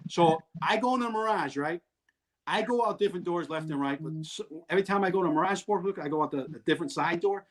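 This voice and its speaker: A man telling wild stories in an animated way, loudly acting out what people said and laughing often. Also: sits high, quick pace. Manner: excitable, acts out quotes loudly, laughs often. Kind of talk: animated storytelling.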